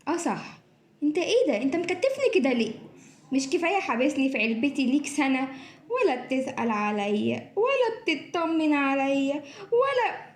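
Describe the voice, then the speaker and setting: A woman's voice: sits high, expressive, moderate pace. A woman acting as a chatty, clingy talking Christmas tree in a children's play. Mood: complaining. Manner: chattering, pestering, giggly. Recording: echoey room.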